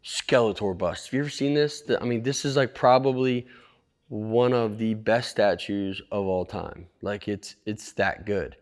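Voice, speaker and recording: A middle-aged man who runs a toy store, chatting casually and joking, his voice dropping low and quiet when he explains things. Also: fairly even intonation, unhurried. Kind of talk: casual chat.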